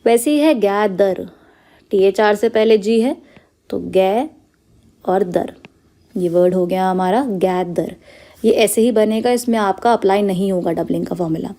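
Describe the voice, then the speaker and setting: Woman teaching shorthand, mellow voice. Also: medium pitch, moderate pace. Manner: explains patiently, checks with frequent "clear?" and "okay"; mixes English words into her explanation. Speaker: stenography teacher. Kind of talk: step-by-step shorthand lesson.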